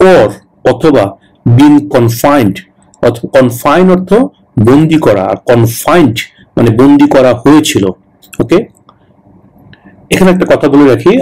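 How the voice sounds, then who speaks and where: A man with a Bengali accent teaches test questions in a bilingual lesson. He draws out each English phrase word by word, then speeds up through his explanations. His voice sits at an ordinary middle pitch. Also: a little mellow, poor audio. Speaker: citizenship test tutor.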